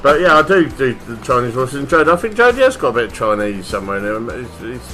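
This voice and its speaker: A rambling man hosting a podcast, swearing freely and laughing often. His voice sits at a middling pitch, and music plays clearly behind him. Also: big pitch swings, quick pace, pushed and bright. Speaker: podcast host. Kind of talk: casual banter.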